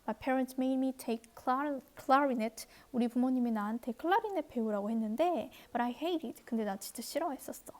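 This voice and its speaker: A woman's voice: on the high side, lively intonation, moderate pace, hardly any pauses, close to an everyday voice. A woman doing a sulky teenage musician boy.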